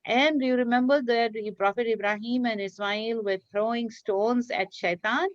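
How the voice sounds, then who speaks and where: A woman running an online children's craft lesson encourages the young pupils and praises their work, speaking at normal speed in a steady voice on the high side. It's an interactive class heard over a dull, lo-fi video call in an echoey room.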